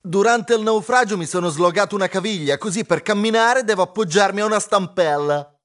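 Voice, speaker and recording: A man voicing a jolly, hearty male mouse castaway in a storybook, talking loudly and drawing out his words. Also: high-pitched, a little fast, pitched above the performer's own voice.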